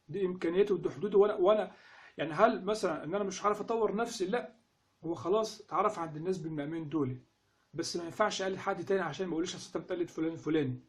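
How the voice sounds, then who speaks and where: Fast-talking Egyptian man teaching. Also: high-pitched. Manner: animated, asks rhetorical questions. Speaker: instructor on Quran recitation. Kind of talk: casual spoken lesson.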